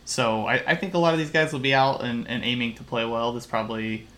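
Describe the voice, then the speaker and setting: A man talks through picks and odds in a loose, rambling podcast chat, often restarting his sentences. His voice is bright and forceful, sitting at an ordinary pitch for a man. He sounds analytical. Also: fairly even intonation, brisk. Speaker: podcast co-host. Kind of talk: casual sports betting chat.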